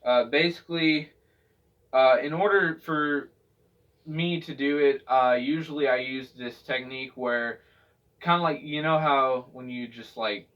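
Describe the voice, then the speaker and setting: A man teaches in a loose, casual tutorial style, with a mid-pitched voice. He rambles a little, hesitating and circling back over his phrases. The recording is dull and he sounds some way from the microphone. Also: measured pace, recorded from a distance. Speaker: vocal technique instructor.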